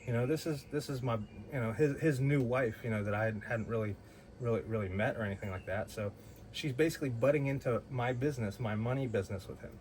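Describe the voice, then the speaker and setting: A man's voice: medium pitch, fast talker, a little mellow, a little hiss or hum, low-quality recording. A man telling a personal story in a blunt, heated way, swearing freely and often restarting his sentences. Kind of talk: casual storytelling.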